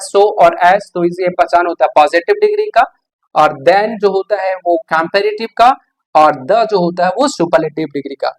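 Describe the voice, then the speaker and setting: Teacher voice, patient classroom explainer, medium pitch, hesitant fillers. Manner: explanatory, asks rhetorical questions, frequent "है ना?" checks. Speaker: English teacher. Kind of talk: classroom-style grammar lesson.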